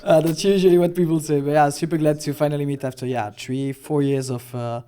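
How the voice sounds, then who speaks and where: A man in his thirties from Belgium, a podcast guest telling his story in a relaxed way, with hesitant fillers. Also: on the high side, brisk, clean tone. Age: 30s. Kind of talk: casual interview chat.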